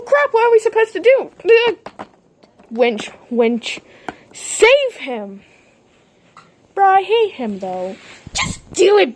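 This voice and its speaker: A woman voicing all the characters in a playful homemade toy-train drama, jumping between silly character voices. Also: sits high. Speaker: fan series voice actor.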